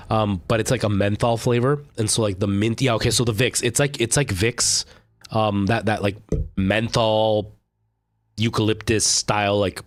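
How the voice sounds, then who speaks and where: This young man's voice is on the low side, thick with a blocked nose and interrupted by a lingering cough. He rambles through a game live stream, chatting casually with viewers and leaning heavily on fillers.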